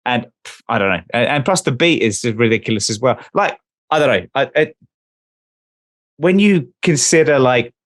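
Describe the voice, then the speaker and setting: A man's voice: medium pitch, expressive, normal speed, pauses often, no room sound. A man co-hosting a music podcast, rambling and reading lyrics aloud. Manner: rambling, restarts, reads out lyrics. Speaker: podcast co-host. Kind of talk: casual chat.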